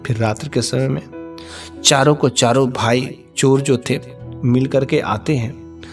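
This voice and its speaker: A man's voice: medium pitch, steady tone, a little slow, soft background music. A man narrating a folk tale in a repetitive, homespun storytelling manner.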